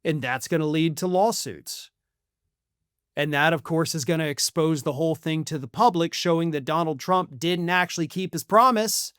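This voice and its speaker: The clip features a male American political commentator hosting his channel, with opinionated news takes delivered emphatically, sarcastically and colloquially. His slightly high voice moves at a moderate pace and sounds a bit bright and clean, recorded at studio quality without echo.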